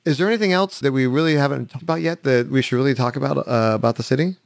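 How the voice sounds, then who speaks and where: A man hosts a casual interview at a brisk pace. He keeps the talk moving with quick agreements and follow-up questions. The recording is dry, with no room sound. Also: medium pitch, vocal fry, no room sound. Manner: quick, affirming, asks follow-ups. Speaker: interview host.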